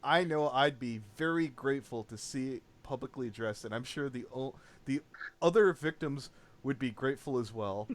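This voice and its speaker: A man's voice: medium pitch, normal speed. A man hosting a casual podcast chat, reading messages aloud with frequent laughs and mocking asides. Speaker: podcast host.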